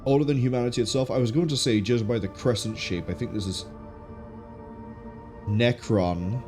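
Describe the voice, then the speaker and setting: A game streamer with a stuffy nose sounds ill as he muses and thinks aloud over his gameplay. His mid-range voice moves at a normal speed with a darkish tone, and game music plays behind him.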